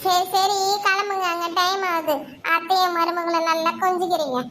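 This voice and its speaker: A woman voicing a lively, teasing young married village woman in a cartoon, chatty and playful. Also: very high voice, normal speed.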